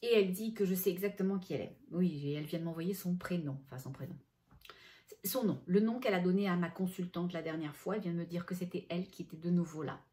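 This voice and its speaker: Female medium, middle-aged, relaxed warm tone, conversational channeling monologue. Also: fairly low pitch, fast. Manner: chatty, self-correcting, relays spirit messages in gentle tones. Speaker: spiritual medium.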